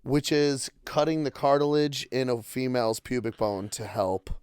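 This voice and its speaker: A young man co-hosts a casual podcast chat, joking crudely and laughing while he shares stories and facts. His mid-range voice is smooth and a little mellow, at a moderate pace.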